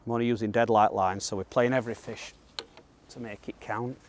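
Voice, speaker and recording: A man from northern England gives angling tips as casual instructional commentary while fishing on a pond bank, presenting a fishing guide. His voice is on the low side and steady, a little fast, and plain-spoken, colloquial and matter-of-fact, with slight background noise.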